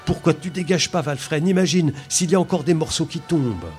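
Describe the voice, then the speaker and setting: A man voicing a panicky young lieutenant in a high, strained voice, in an audiobook reading. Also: brisk, darkish tone, faint music behind, close to an everyday voice. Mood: shivering.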